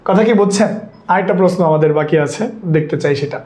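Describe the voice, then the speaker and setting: A man's voice: on the high side, fast talker, reverberant, background noise. A man teaching an English grammar lesson for an exam course, keeping a check on whether his students follow and repeating his points. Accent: Bangladeshi Bengali. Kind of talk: online exam-prep lesson.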